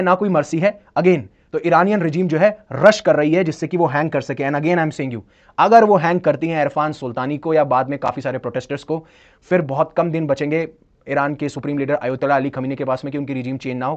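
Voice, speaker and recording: Fast-talking male lecturer, rhetorical questions. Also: a little high, steady tone, highs cut off. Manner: poses rhetorical questions and answers them; switches between Hindi and English phrases. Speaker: exam-prep educator. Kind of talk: explanatory current-affairs lecture.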